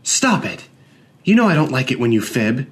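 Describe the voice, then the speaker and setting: A man voicing a brisk, controlling woman who runs a household and scolds. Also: mid-range voice, big pitch swings, pitched above the performer's own voice, natural voice. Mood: scolding. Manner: curt, scolding.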